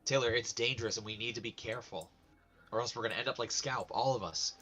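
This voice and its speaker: A man's voice: mid-range voice, fast talker, sharp tone, slightly rough, soft background music. A man playing his character in a tabletop game, talking through his moves in an earnest, cautious way. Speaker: player.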